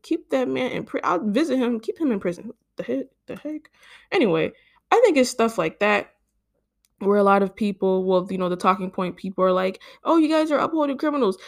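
A young woman hosting a solo podcast, speaking, rambling and exasperated, with many fillers and stumbles. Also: lowish voice. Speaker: podcast host. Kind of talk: casual solo podcast monologue.

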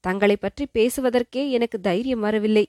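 A woman's voice: mid-range voice, moderate pace, mellow, no echo, studio quality, natural voice. A woman voicing a fearful, tearful young princess in a storybook reading. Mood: sorrowful. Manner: sorrowful, sobbing.

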